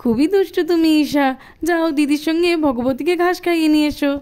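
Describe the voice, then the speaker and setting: Woman doing a busy scolding mom in a doll cartoon, high voice, always bustling. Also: brisk, darkish tone. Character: busy village mother, scolding but kind. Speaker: voice performer. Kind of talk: doll cartoon narration and voice acting.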